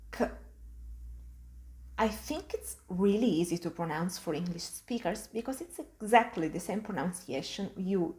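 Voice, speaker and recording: A woman with an Italian accent teaching pronunciation, saying each sound slowly and clearly and then repeating it. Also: fairly low pitch, a little mellow. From Italy. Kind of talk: slow, careful pronunciation lesson.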